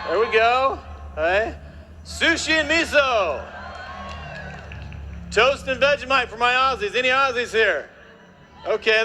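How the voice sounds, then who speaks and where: A man presents to a live crowd with energy and humor, constantly tossing out tag questions to keep them engaged. His voice is very high-pitched, with slight background noise.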